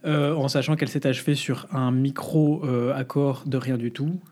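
Male podcast co-host with a warm, dark tone, running down the news items informally. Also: medium pitch, fairly even intonation, moderate pace. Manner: presents news items, with fillers and restarts. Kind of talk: casual news rundown.

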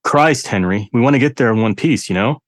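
A man's voice: medium pitch, lively intonation, a little fast, voice pushed up, close to an everyday voice. A man voicing a jittery, pleading passenger. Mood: tense. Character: nervous man in a speeding car.

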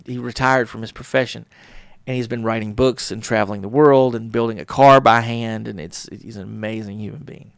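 A man's voice: mid-range voice, vocal fry, no echo, studio quality. A middle-aged man hosting a solo podcast, telling a personal story in a rambling, casual way with many fillers and restarts. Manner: rambling, self-correcting, warm storytelling with frequent fillers. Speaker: podcast host.

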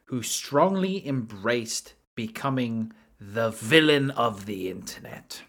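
A male vlog commentator talking casually with a lively, swinging voice that rises and dips a lot. He is chatty and sarcastic, tossing in "right?" after his points. His pitch sits at an ordinary middle level.

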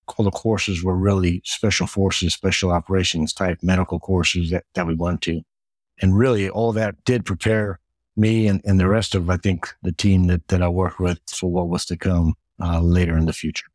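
Interviewed as a guest, a retired Air Force medic from the United States, whose first language is Hungarian, replies methodically in a very deep voice at normal speed. He builds long lists and repeats words often, and the recording is close and dry.

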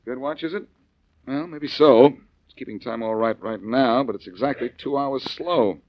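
An actor playing a wry, confident male detective on an old radio show, with a gravelly, husky voice and dry, probing questions. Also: mid-range voice, moderate pace. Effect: old radio show broadcast. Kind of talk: 1940s radio acting. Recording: dull lo-fi old radio recording.

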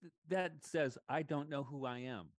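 A man's voice: on the high side, normal speed, dry recording. A man who teaches college students, talking in a thoughtful, rambling way in a casual conversation and retelling scenes with enthusiasm. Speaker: college lecturer.

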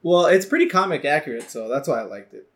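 A man's voice: a little high, lively intonation, quick pace, fairly bright tone. A man co-hosting a casual podcast, laughing often and swearing freely as he talks. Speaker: podcast co-host. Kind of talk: casual chat.

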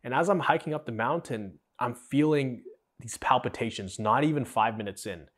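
A young man with a mid-range, slightly bright voice speaks at a normal pace. He hosts a podcast and tells his own story earnestly and conversationally, acting out the dialogue as he goes.

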